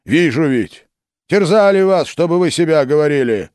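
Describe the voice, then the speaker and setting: A man's voice: a little high, sing-song, unhurried, no room sound, clean studio sound, pitched above the performer's own voice. A man voicing an anguished, pleading churchman. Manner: pleading, then shouting in anger.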